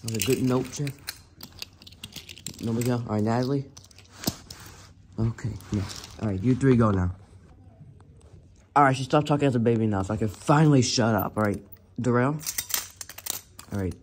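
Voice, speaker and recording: A man speaks at a moderate pace with long pauses, his mid-range voice darkish and accompanied by a little hiss or hum. He is hosting a toy car elimination series at home, calling out names one after another in a rambling, casual way and frequently correcting himself.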